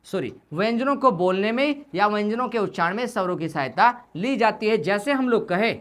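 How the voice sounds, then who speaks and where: Lively woman teaching Hindi grammar. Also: mid-range voice, fairly quick. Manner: repetitive, asks questions then answers them. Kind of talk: classroom lesson explanation.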